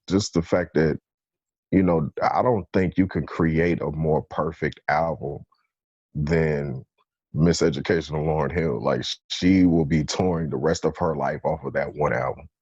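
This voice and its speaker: A man with a low, husky voice speaks earnestly on a podcast, reflecting in a relaxed, casual way. The sound is dry and a little dull, like a close podcast mic. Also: measured pace, dry recording. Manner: earnest, reflective, lots of "you know". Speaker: podcast co-host.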